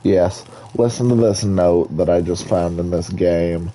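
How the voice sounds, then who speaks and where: A man's voice: sits low, measured pace, dark tone, rough recording. A young man with a stuffy, nasal voice from allergies, chatting casually while gaming. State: congested from allergies.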